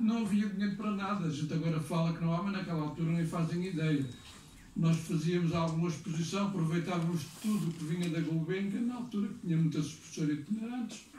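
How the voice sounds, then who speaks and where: An older man giving a rambling, halting speech at a gathering, reminiscing as a former museum director. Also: high-pitched, a little mellow. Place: hall of a cultural society. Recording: echoey room, mic far off.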